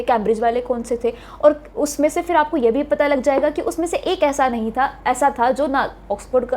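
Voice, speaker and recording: A woman's voice: high voice, a little mellow. A young woman with an Indian accent giving casual study advice for an exam, chatty and mixing in English phrases. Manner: chatty, keeps saying "theek hai", mixes Hindi and English. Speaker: exam prep tutor.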